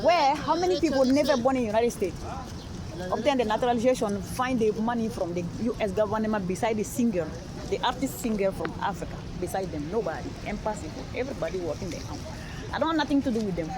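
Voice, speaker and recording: Her voice a little high and animated, this woman from Mali talks at a quick pace, telling a rambling personal story as a street interviewee. She's repetitive and insistent, peppering it with "all right?" checks, recorded noisily outdoors on a busy city street with traffic around.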